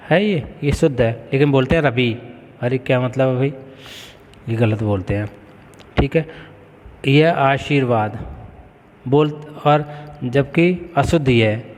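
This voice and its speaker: A man giving a spoken lesson, explaining slowly and deliberately, with a frequent "okay" as he moves between points. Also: medium pitch, a little mellow, big-room sound. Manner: slow, deliberate word-by-word explanation with frequent "ठीक है". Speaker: teacher.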